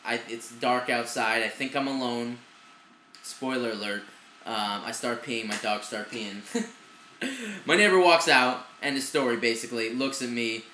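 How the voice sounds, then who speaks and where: A man's voice: mid-range voice, animated, measured pace, pushed and bright, echoey room, a little hiss or hum. A man co-hosting a casual podcast, telling a crude story with a joking manner. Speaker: podcast co-host. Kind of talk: casual chat.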